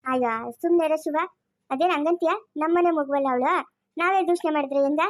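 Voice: high voice, fairly even intonation, dry recording, studio quality, close to an everyday voice. A performer playing a bossy, soothing village mother-in-law in a family comedy skit, with a rural Karnataka accent. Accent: rural Karnataka Kannada. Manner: rapid, scolding-soothing village chatter.

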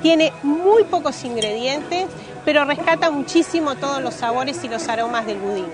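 A Uruguayan pastry cook in her forties gives a live, step-by-step cooking demonstration at an outdoor fair stand, repeating key words as she works. Her Rioplatense Spanish has lively intonation, a high-sitting pitch and a moderate pace, with music playing behind her.

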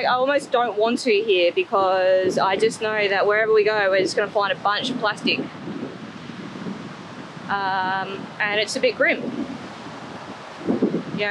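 A woman in her thirties with an Australian accent, chatting wryly to camera on a beach for a travel vlog. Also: mid-range voice. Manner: wry, chatty, talks while climbing. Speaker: travel vlogger. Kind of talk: casual chat. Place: outdoors on a tropical beach. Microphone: camera held close. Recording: wind and outdoor noise.

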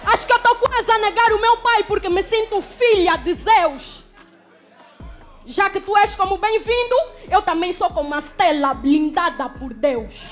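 A woman's voice: very high voice, measured pace, soft background music. A woman with an Angolan Portuguese accent firing defiant battle rap comebacks on a club stage. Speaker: battle rapper. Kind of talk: rap battle verses over a crowd. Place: indoor club stage with a crowd.

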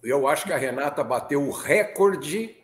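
A man's voice: a little high, lively intonation, moderate pace, reverberant. A Brazilian man, a guest on a talk show, chatting casually and agreeably, joking and laughing along with the host. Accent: Brazilian Portuguese.

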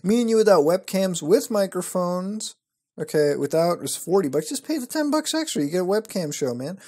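The young host's voice is high and sing-song, with a dark tone and normal pace. Broadcasting from a small room at night, he works through websites casually, tossing off wry, profane remarks.

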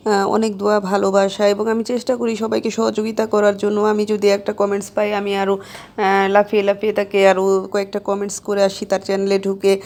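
A woman vlogger chatting casually to her followers in a hesitant, rambling, repetitive way with many filled pauses. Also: mid-range voice, monotone, a little mellow. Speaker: social media vlogger. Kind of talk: casual chat to followers while snacking.

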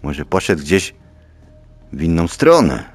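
A man commenting on a horror game as he plays, his voice leaping from low mutters to high panicked yells. He talks slowly, swears a lot and hushes himself in whispers. Faint music sits behind him. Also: sing-song. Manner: jumpy, swears a lot, shrieks when scared, mutters to himself. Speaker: gaming YouTuber.

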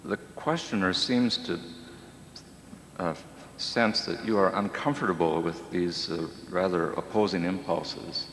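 Low-voiced male moderator in an echoey hall. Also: measured pace, fairly bright tone. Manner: hesitant, frequent um and uh. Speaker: moderator reading audience questions. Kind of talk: moderating a conference Q&A. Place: lecture hall. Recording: echoey hall with faint noise.

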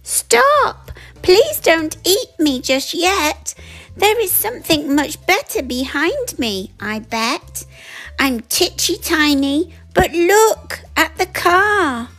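Woman reader voicing a little boy, high and bouncy, slow, soft music behind. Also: full character voice. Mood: pleading. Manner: pleading, bright and lively. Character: small boy on a bike, quick-witted. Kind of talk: storybook reading.

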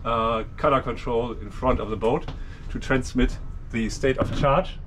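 A man's voice: medium pitch, steady tone, measured pace, noisy background. A man in his fifties, a boat owner, giving technical explanations in an interview from a cramped engine hatch. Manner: technical, explains while pointing at equipment. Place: cramped engine hatch of a moored catamaran, outdoors.

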